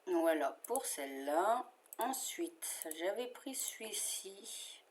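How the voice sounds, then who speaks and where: Speaking at a medium pitch, a French-accented woman leisurely walks through the cross-stitch patterns she loves most. It's a casual, relaxed chat, full of filler words and little side comments.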